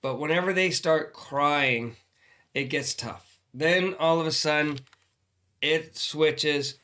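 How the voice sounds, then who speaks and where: Grumpy old man, older male host, bright forceful voice, slightly high pitch, blunt mock-stern casual advice. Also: slow pace. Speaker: podcast host giving advice as a grumpy grandpa. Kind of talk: casual comedic advice chat.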